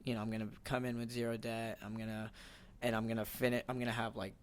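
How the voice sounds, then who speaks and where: Rambling storytelling young comedian. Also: male voice, mid-range voice, little pitch movement, quick pace. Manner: rambling storytelling with many restarts and laughs. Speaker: stand-up comedian, guest. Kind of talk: casual podcast chat.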